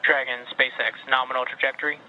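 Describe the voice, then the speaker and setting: A man's voice: mid-range voice, little pitch movement, dull audio, slight background noise. A man making terse procedural callouts as a mission controller, heard as a radio transmission over a comms loop. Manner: clipped and fast.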